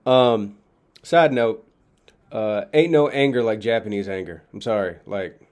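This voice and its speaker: A man's voice: fairly low pitch, unhurried, darkish tone. A man chatting casually to his viewers from his kitchen, talking into a laptop mic in a loose, slangy, rambling way with lots of fillers. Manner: laid-back, slangy, rambling with many fillers. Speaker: vlogger. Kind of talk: casual chat to camera. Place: home kitchen. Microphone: laptop microphone.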